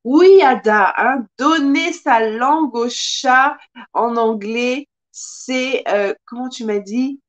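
A woman teaching a live online language lesson, reading out viewer comments and thinking aloud in a slow, patient way. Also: on the high side. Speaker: French teacher.

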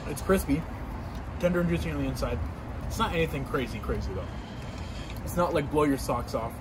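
A man's voice: fairly high pitch, fairly quick. A young man hosting a casual food review, talking while chewing. He speaks in an easygoing way and hedges his words with fillers. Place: outdoor table in an urban area with traffic. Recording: street traffic noise behind the voice.

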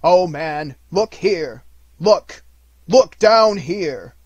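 A man voicing a solemn, sorrowful spirit, declaiming slowly and loudly. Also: medium pitch, very animated, breathy edge, no echo, muffled recording, heavily acted. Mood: stern. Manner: loud, slow and declaiming.

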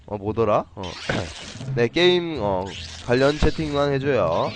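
A man casually commentating his own game play on a live stream, playful and chatty, often clearing his throat. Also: medium pitch, lively intonation, slow pace, noisy background. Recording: faint game music behind.

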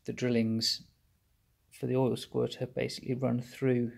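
A man walks through a repair step by step in a husky, gravelly voice. His delivery stays flat and even, with small pauses and fillers as he works. It sounds like a phone recording in a workshop. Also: medium pitch. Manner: plain step-by-step explaining with fillers. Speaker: engine rebuilder. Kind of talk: workshop how-to narration. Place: indoor workshop bench.

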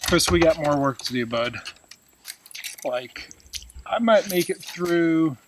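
A man in his thirties talks slowly from a kayak and leaves long pauses while he thinks aloud. His delivery is unhurried. Outdoor river noise is clearly audible throughout. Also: fairly high pitch, animated. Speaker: kayak angler. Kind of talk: casual fishing vlog.

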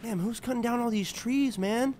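A man's voice: very high-pitched, normal speed. Young male streamer, casual gameplay commentary, nervous repetitive muttering, profane, close mic, faint background noise. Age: 20s. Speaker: horror game streamer. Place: small indoor room, seated at desk.

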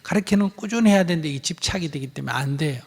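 A man's voice: on the high side, expressive, very fast, vocal fry. A man with a Gyeongsang accent, a Buddhist monk answering questions in a live teaching, blunt and emphatic, acting out bits of dialogue. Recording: hall reverb.

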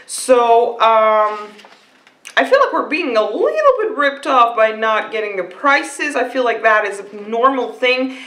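A woman's voice: a little high, very animated, a little slow, fairly bright tone, echoey room. A woman beauty vlogger chatting casually and rambling through a box unboxing, with frequent fillers.

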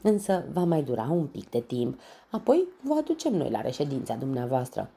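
A woman's voice: a bass voice, sing-song, warm tone, slightly rough, full character voice. A woman voicing a clever young male meerkat detective in a children's storybook, curious and questioning. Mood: eager.

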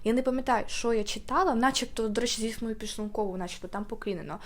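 A woman's voice: fairly high pitch, quick pace. A woman in casual chat, talking informally with lots of fillers and slang. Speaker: booktube co-host.

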